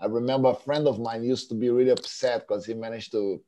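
Chatty interviewer guy, mellow warm tone, laughs a lot. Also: mid-range voice, steady tone, fast. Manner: friendly, chatty, laughs often. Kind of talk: casual interview chat.

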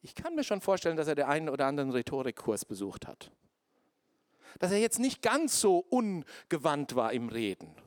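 A man's voice: on the high side, big pitch swings, normal speed, no room sound, studio quality. A man preaching a sermon, speaking straight to his congregation and building to emphatic fervor, sometimes dropping English church phrases.

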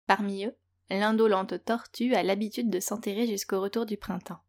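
A woman's voice: medium pitch, steady tone, normal speed, darkish tone. A woman hosting a children's audio story show, narrating from a script in a playful way and speaking directly to the young listener.

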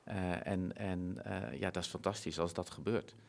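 Earnest, low-voiced Dutch-speaking man. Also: steady tone, moderate pace, vocal fry, a little mellow. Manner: earnest, reflective, many fillers and restarts. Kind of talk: conversational interview.

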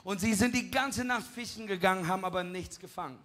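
Man translating a sermon on the fly, high voice, lots of restarts. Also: fairly bright tone, faint music behind. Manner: quick, with frequent restarts and fillers; copies the preacher's acted voices. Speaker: sermon interpreter. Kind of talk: live sermon interpretation.

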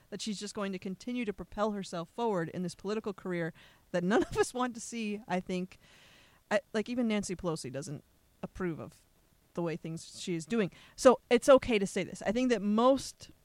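A woman's voice: medium pitch, no echo. A woman hosting a casual podcast, chatty and sarcastic. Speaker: podcast host.

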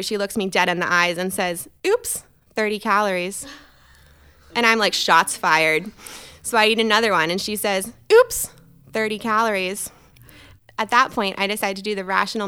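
Bright, animated woman telling a comic story. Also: medium pitch, clean tone. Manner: animated, acting out quoted voices; self-mocking and wry. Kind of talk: comic first-person storytelling.

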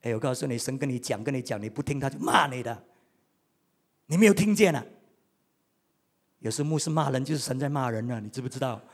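A male pastor preaching a sermon with animated delivery, swinging between loud outbursts and quiet asides and repeating words for emphasis. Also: medium pitch, quick pace, pauses often.

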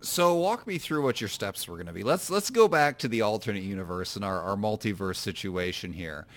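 A man's voice: lowish voice, expressive, fairly quick, fairly bright tone. A man co-hosting a podcast, asking playful, curious follow-up questions in a casual chat. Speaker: podcast co-host.

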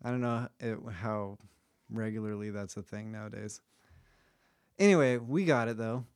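A young man hosting a casual podcast, explaining a topic to a friend in a laid-back, joking way with quick asides. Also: fairly low pitch, clear, resonant tone, no echo, studio quality. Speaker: podcast host.

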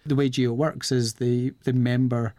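A man's voice: mid-range voice, flat delivery, measured pace, warm tone, dry recording. A man from Scotland, a guest head of external relations, explaining things conversationally with occasional restarts in a radio studio. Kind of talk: interview answers.

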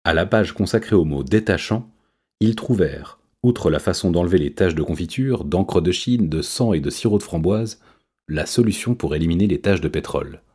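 A man narrating a storybook in a low, dark, husky voice. His delivery is steady and measured, carrying the story along evenly. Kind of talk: storybook read-aloud.

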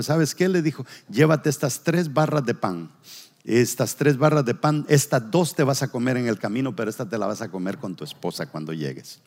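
A male pastor preaching a sermon, telling a story and acting out each character's lines. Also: mid-range voice. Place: church. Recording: long reverb of a church hall.

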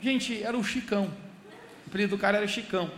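A man's voice: high-pitched, steady tone, fast, a bit bright. A young man, preaching a sermon as a chatty story and often addressing the congregation directly. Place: church service in a large hall. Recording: echoey hall, faint background hiss.

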